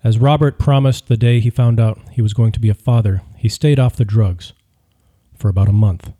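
A man reading a true-crime audiobook in scripted narration, measured and even. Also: on the low side.

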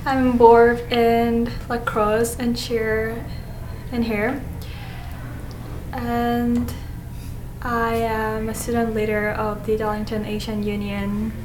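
A young woman from South Korea introduces herself in careful, plain sentences. She speaks slowly with a fairly high, even voice. The room echoes and there is a clear hiss. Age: young adult. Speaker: student guest.

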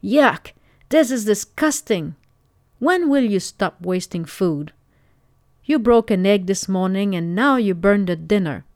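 A woman's voice: medium pitch, lively intonation, measured pace, no room sound, clean studio sound, natural voice. A woman reading the lines of an angry, domineering middle-aged husband who barks harshly. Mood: disgusted. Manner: barking, harsh.

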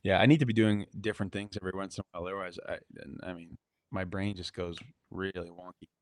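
Rambling low-voiced man on a remote call. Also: fairly even intonation, fast talker, no echo, rough recording. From Connecticut, USA. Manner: rambling, self-deprecating, restarts often. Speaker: podcast guest, musician. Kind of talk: casual interview chat. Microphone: computer mic over remote call.

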